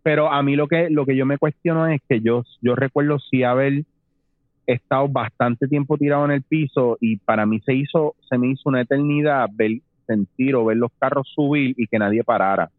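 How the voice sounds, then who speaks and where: A man, telling a long personal story in casual talk, animated and mixing in English phrases. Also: mid-range voice, moderate pace, dry recording. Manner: animated, mixes English phrases, acts out voices. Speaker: storyteller guest. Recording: tinny phone-like dry sound.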